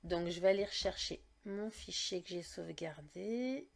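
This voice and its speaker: Gravelly-voiced woman hosting a craft tutorial. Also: on the low side, normal speed. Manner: chatty, leans on "donc" and "d'accord?". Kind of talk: casual step-by-step screen tutorial.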